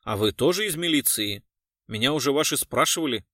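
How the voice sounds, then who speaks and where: A man's voice: mid-range voice, lively intonation, brisk, sharp tone, no echo, clean studio sound. A man voicing a shy, embarrassed young man who speaks hesitantly. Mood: sheepish.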